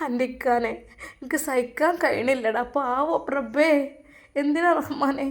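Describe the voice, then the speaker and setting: A woman's voice: high-pitched, unhurried. A woman voicing a grieving pregnant young wife who pleads through tears. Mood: tearful. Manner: tearful, breaking pleading.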